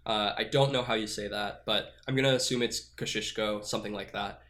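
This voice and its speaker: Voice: medium pitch, steady tone, fairly quick, a bit bright. Dry, teasing podcast host. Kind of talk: casual podcast chat.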